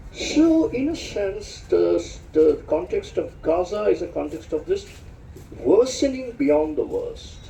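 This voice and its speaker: A middle-aged man speaking at a book discussion, reflective and searching for words, with dry self-deprecating humor and sharp rises in pitch for emphasis. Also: gravelly, slight background noise. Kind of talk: spoken lecture at a book discussion. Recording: roomy hall sound from a distant mic.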